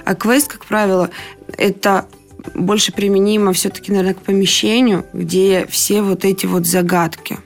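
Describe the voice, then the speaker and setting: A woman's voice: medium pitch, flat delivery, normal speed, faint music behind. A woman speaking as a radio guest, explaining her view in a conversational way.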